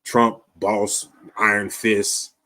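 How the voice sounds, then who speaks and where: Host, male, 50s, lowish voice, laid-back streetwise chat to camera. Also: little pitch movement, very slow, bright, forceful tone. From Chicago, USA. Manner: conversational, streetwise, repeats "you dig". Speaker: show host. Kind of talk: casual talk to camera.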